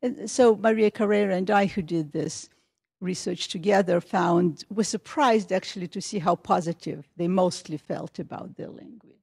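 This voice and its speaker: Gravelly husky woman giving a lecture. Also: on the low side, moderate pace, darkish tone. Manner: conversational, frequent restarts and fillers. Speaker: conference speaker. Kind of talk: academic plenary lecture. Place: conference hall.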